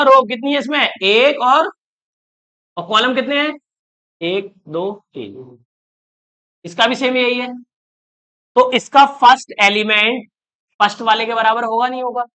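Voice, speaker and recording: A man's voice: very high-pitched, bright, forceful tone. A man giving an online math lecture, talking through each step and often asking students whether they follow. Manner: constantly checks if students follow, coaxing questions; talks through steps aloud, counting terms. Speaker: math teacher.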